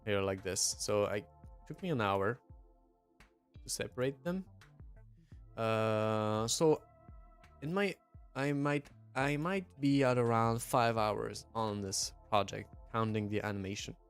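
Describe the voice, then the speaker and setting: A young streamer from southwest France, speaking with a French accent, chats casually and reads his chat aloud. His fairly low, clean-toned voice moves slowly with frequent pauses, and he hesitates a lot, using fillers and restarting. Faint music plays behind him.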